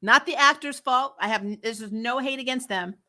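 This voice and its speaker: Her voice sits on the high side, sharp in tone, and she talks a little fast. As host of a TV show recap channel, she chats casually and opinionatedly, cursing, sounding fed up, and hammering her points through repetition.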